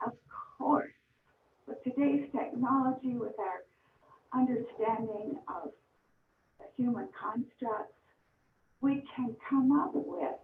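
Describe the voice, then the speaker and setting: A woman calling in to a public meeting, speaking with passionate insistence and sharp rises on key points. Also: fairly high pitch, slight background noise. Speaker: caller giving public comment. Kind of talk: phoned-in public comment. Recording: tinny speakerphone line, echoey and distant.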